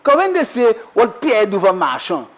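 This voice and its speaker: A man's voice: high voice, huge pitch swings, moderate pace, rough recording. A Saint Lucian man giving an impassioned, repetitive parliamentary speech, full of rhetorical questions, in a parliament chamber. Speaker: member of parliament.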